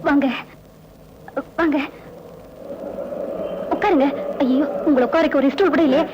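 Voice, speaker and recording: An actress playing a soft-spoken, accommodating village mother in a 1980s film drama. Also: high voice, measured pace, highs cut off, noisy background. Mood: gentle. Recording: old film soundtrack with loud music.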